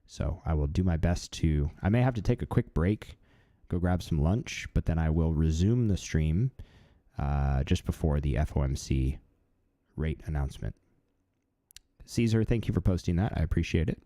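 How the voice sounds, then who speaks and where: A man in his thirties hosting a live stream, talking in a relaxed, chatty way with lots of fillers. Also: extremely low pitch, moderate pace, dry recording, studio quality. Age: 30s. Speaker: livestream host. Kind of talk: casual live-stream chat.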